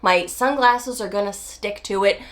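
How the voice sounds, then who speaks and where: Nasal with a summer cold, a woman in her forties chats to camera as a beauty vlogger, emphatic and talkative and stretching out her stresses. Her voice is medium in pitch and a bit bright.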